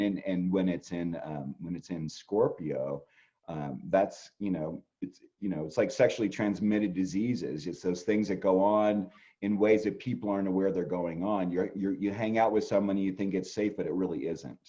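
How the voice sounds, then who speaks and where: A man's voice: low-pitched, normal speed, warm tone, highs cut off. A middle-aged man, an astrologer, talking casually and rambling with many fillers. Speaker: astrologer co-host. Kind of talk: casual conversation.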